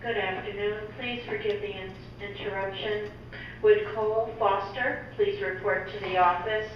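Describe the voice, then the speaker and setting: A woman making a polite, formal announcement over a school intercom loudspeaker, heard in a classroom. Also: medium pitch, fairly even intonation, moderate pace, noisy background. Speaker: school office staff. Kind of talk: public address announcement. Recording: echoey, muffled intercom speaker from far off.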